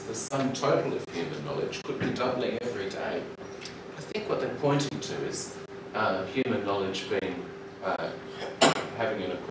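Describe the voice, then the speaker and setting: A middle-aged man delivers a reflective conference keynote from a podium, his voice low and unhurried, with the odd um and restart. He sounds distant, carried through a big, echoing lecture hall. A loud, steady hiss of noise sits under everything. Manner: measured, reflective, with restarts and ums. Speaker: keynote speaker. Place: large lecture hall, indoors. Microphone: podium mic, recorded by far camera.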